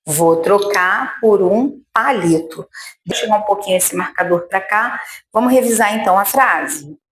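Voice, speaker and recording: A woman's voice: medium pitch, animated. A Brazilian woman teaching speech therapy, demonstrating at a table, patiently drawing out syllables and checking in with the viewer. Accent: Brazilian Portuguese. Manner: slow and patient, syllables drawn out, frequent check-ins with the viewer. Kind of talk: slow, deliberate instructional demonstration. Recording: echoey room with faint noise.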